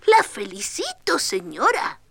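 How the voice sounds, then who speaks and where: A woman's voice: a little high, huge pitch swings, vocal fry, a bit bright, slight background noise, heavily acted. A woman voicing a fussy, formal female magpie in a storybook record. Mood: ceremonious. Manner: slow, formal and congratulatory.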